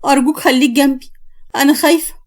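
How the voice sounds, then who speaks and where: A young Egyptian wife in a storytelling video, pitched high, cold and threatening in one self and trembling in the other, put on by a woman narrator. Plain everyday Egyptian speech carries her lines. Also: quick pace, natural voice. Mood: panicky. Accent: Egyptian Arabic. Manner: cold, threatening, frightened when herself.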